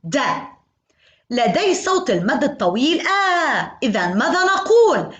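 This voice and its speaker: A woman teaching a phonics lesson to young children, sounding out syllables in slow, sing-song repetition. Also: high voice, sing-song, lo-fi sound. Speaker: kindergarten teacher.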